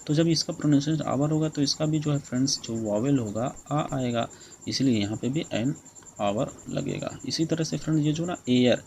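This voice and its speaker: A young man teaches English grammar in Hindi, addressing his viewers as friends again and again. His voice has a gravelly edge of vocal fry and stays at a middle pitch. A faint hum of noise and chirping insects sits behind him. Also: a little mellow, poor audio. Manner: repeats "friends" often, explains slowly; reads English rules slowly and deliberately.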